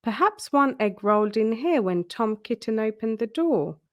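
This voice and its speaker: Reading a children's picture book out loud, this woman uses a deliberate, expressive storyteller's delivery, and her pitch runs fairly high.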